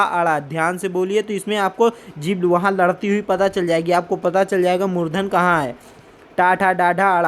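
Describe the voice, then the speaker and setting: A man teaching a grammar lesson to students, calm and methodical. He sounds out each syllable slowly and clearly. He often checks in with a rising "theek hai". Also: high voice.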